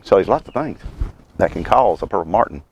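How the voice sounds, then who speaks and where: A man in his mid fifties with a Southern US accent, chatting in a folksy, unhurried, wryly humorous way around a pipe as he hosts a rambling outdoor vlog. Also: sits low, lively intonation, husky, highs cut off. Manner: talks while puffing on a pipe. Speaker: host of a homestead and birdwatching channel. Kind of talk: rambling casual vlog chat.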